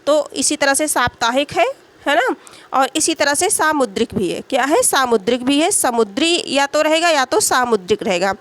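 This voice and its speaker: A woman with a high voice teaches an exam-prep Hindi grammar lesson. She puts a question to the class and answers it herself, repeats each word more than once, and keeps checking in with short tags. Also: sing-song, normal speed, fairly bright tone. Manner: frequent tag "है ना".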